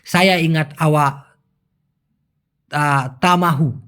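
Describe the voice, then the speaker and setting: A man teaching a language lesson in a casual way, repeating phrases slowly and calling his viewers brother. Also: on the high side, steady tone, fairly bright tone, smooth.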